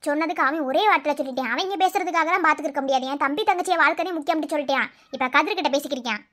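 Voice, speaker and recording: A woman's voice: high-pitched, very fast, fairly bright tone, voice pushed down. A woman voicing a firm, comforting elderly village grandmother in a cartoon, with a Madurai Tamil accent. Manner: firm, reassuring. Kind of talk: cartoon voice acting.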